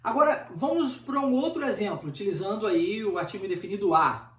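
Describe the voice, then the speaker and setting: A man's voice: sits high, expressive, fairly quick, fairly bright tone. Guy teaching english casually, keeps repeating stuff and asking ok?, roomy sound, kinda far from the mic. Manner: conversational, repeats points, asks rhetorical check-ins. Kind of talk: informal video lesson.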